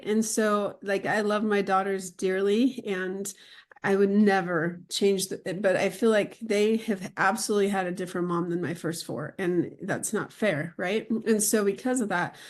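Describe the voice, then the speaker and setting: Middle-aged woman host, rambling, chatty, mid-pitched. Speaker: podcast host. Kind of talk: casual conversation.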